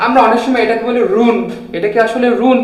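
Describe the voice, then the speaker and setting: A man's voice: very high-pitched, flat delivery, rapid-fire, reverberant, poor audio. A young man teaching an English lesson at a board. He keeps quizzing his students with repeated questions. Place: classroom with a board.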